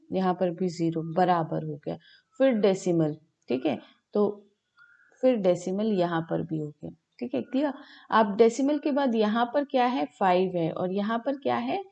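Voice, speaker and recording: A woman teaches a maths class over a video call from home, checking in with "okay" after nearly every step. Her voice sits in a middle pitch, mellow and soft at the edges, with a gravelly rasp in it. She asks her students questions and then answers them herself. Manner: repeats "ठीक है" often, mixes Hindi and English, asks and answers her own questions. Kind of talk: online class lesson.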